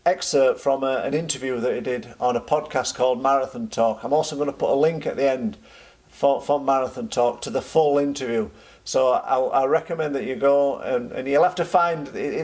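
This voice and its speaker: A man's voice: medium pitch, a little mellow. Man coaching, casual running vlog.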